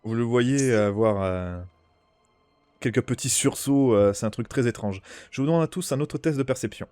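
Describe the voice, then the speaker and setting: A man's voice: mid-range voice, moderate pace, darkish tone, dry recording, faint music behind. Male game master with a dry sound. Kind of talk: narrating a tabletop role-playing game.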